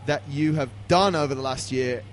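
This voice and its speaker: A man's voice: mid-range voice, moderate pace, slight background noise. A man hosting a podcast in casual chat, with jokey, matey banter. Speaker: podcast host.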